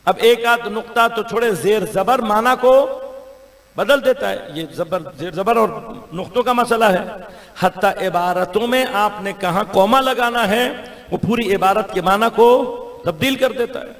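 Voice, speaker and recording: A man with a Pakistani Urdu accent delivers a majlis sermon. His high, gravelly voice climbs and falls for rhetorical effect. Long reverb from the big imambargah hall trails every phrase. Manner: rhetorical orator with sudden rises and falls. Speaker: Shia cleric giving a majlis.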